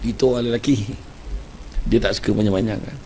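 A man with a Malaysian Malay accent preaching a humorous sermon, telling jokes in a lively storytelling manner. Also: lowish voice, a little fast, a little hiss or hum. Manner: joking, animated storytelling.

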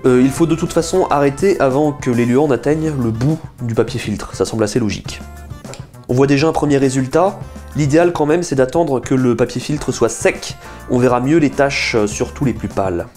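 A man in his thirties speaks at normal speed in a somewhat mellow, mid-range voice, with faint music behind him. At a desk in a small room, he demonstrates and explains a chemistry experiment in an upbeat, talkative teaching style.

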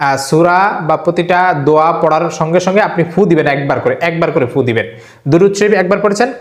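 A man giving step-by-step religious instruction in a Bangladeshi Bengali accent. He gives brisk, repetitive directions and recites verses slowly for learners to copy. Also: high-pitched. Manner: slow, drawn-out recitation of Arabic verses, repeated for learners; brisk, repetitive spoken instructions with frequent filler "ah". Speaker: Islamic teacher. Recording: echoey room.

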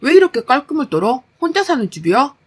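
A woman's voice: high-pitched, sing-song, quick pace, breathy edge, pitched above the performer's own voice, full character voice. A woman voicing a lazy, defensive young husband who grumbles and brushes off complaints in a story. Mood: grumbling, defensive. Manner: whiny, dismissive.

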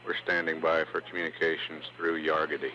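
Very deep flat-voiced male radio announcer. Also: a little fast. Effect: radio transmission sound. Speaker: mission control commentator. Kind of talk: formal status announcement. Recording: dull lo-fi radio audio with faint hum.

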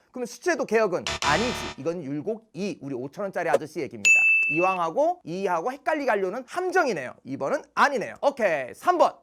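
A man teaching history for an exam, in a playful, punchy lecture style with casual asides to students. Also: sits high.

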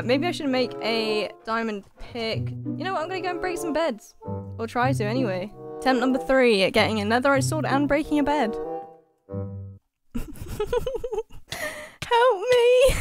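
A woman giving live gameplay commentary as a gaming YouTuber, excitable, often repeating phrases in panicky bursts and laughing between lines. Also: sits high, brisk, over music.

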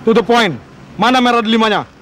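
A man's voice: very high voice, fast talker, a bit bright, a little hiss or hum. An actor playing a menacing gang boss who calls himself a king, with a roaring, imperious manner, in a TV crime drama. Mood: threatening. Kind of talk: television crime drama acting. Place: outdoors.

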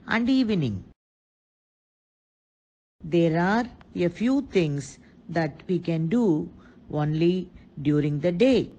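A woman narrating a scripted lesson for young children, explaining slowly and simply and asking them questions. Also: fairly low pitch, warm tone, low-quality recording. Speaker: kindergarten teacher.

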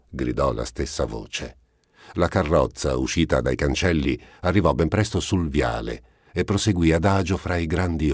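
A man reading a classic novel aloud as an audiobook narrator, in a steady, measured way. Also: very deep voice, husky, dry recording, clean studio sound.

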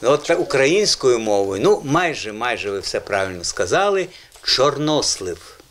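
A male TV host speaks in a teacherly, encouraging way, his pitch rising and falling a great deal as he explains words to children in a studio. His tone is patient and explanatory, and his voice sits at an ordinary middle pitch for a man. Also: big pitch swings, fairly quick, slight background noise. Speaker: children's language show host. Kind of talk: educational TV presenting.

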